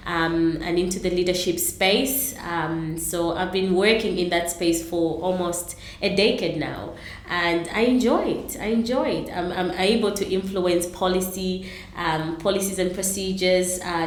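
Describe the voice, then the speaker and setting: A middle-aged Zambian entrepreneur with a fairly low voice answers interview questions earnestly as a guest, using many ums and restarts. The room is echoey.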